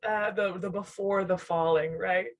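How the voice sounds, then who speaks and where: A young adult woman from near Nashville, Tennessee, in the Southern US, speaks in a lowish, steady voice at a measured pace. She's a musician guest on an interview show, chatting casually and reflectively, rambling with lots of fillers and frequent laughter.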